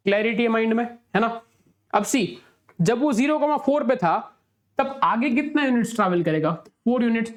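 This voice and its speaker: Indian man teaching with a sore throat. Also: very high voice. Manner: repetitive, asks for yes or no. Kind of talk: exam-prep lesson.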